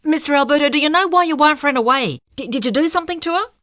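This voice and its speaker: A woman voicing a pushy male TV reporter who shouts his questions in an audiobook. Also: sits high, quick pace, no room sound, clean studio sound, pitched above the performer's own voice. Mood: pressing.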